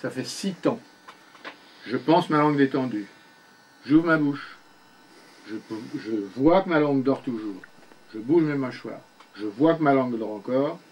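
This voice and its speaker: A man's voice: medium pitch, measured pace, long pauses, muffled recording, slight background noise. An older man leading a one-on-one speech therapy session, patiently giving short commands and checking that his pupil follows. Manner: patient, gives short spoken commands, often asks "you see?".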